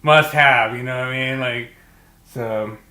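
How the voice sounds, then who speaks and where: A man's voice: mid-range voice, fairly even intonation, measured pace, sharp tone, reverberant. A man co-hosting a podcast, talking in an enthusiastic, filler-heavy way, with lots of "dude" and "like I say.". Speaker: podcast co-host. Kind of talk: casual chat.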